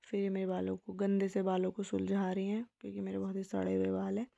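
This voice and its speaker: A young woman narrating a casual vlog voice-over in a soft, hushed, chatty way. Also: mid-range voice, monotone, fast talker, gravelly, no room sound, highs cut off. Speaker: vlogger.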